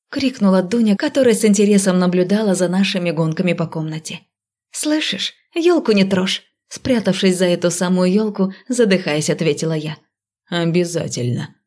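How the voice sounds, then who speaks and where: A woman with a lowish voice narrates a novel in the first person. Her storytelling is measured and expressive. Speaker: audiobook narrator.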